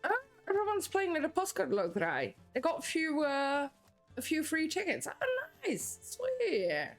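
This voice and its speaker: Her voice sits high and swoops wildly in pitch at a measured pace, with soft music in the background. She's a young Dutch-accented woman from the Netherlands, chatting with viewers as she streams gameplay, answering them and laughing in bursts.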